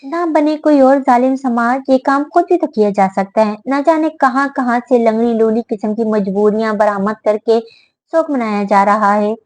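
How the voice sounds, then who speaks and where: A woman's voice: on the high side, normal speed, a little mellow, no room sound, lightly acted. A woman voicing a blunt, hot-tempered young woman who scolds sarcastically in an audiobook. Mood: scolding. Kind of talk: audiobook character voice.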